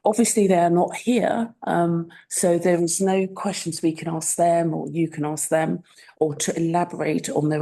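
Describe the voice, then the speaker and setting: A woman with a London accent chairing a council licensing hearing, brisk and direct. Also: lowish voice, gravelly, warm tone, husky, rough recording. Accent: London English. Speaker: committee chair. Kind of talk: chairing a formal meeting. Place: council meeting room.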